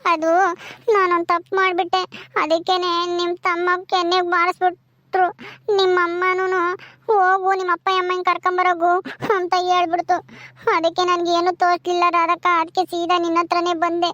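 A woman's voice: very high-pitched, monotone, moderate pace, a bit bright, no echo, lo-fi sound. A woman voicing a timid young village wife in a family skit, hesitant and apologetic as she pleads. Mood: pleading.

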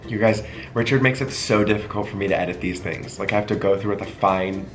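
A man's voice: fairly low pitch, fast, soft background music. A man in his thirties co-hosting a casual video, chatting to camera with his partner. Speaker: video co-host and editor. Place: small room indoors.

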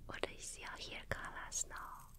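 Slow whispering young woman, ASMR. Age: young adult. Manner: slow, soft, unhurried whispering with pauses. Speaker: ASMR host. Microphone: close studio microphone with foam windscreen.

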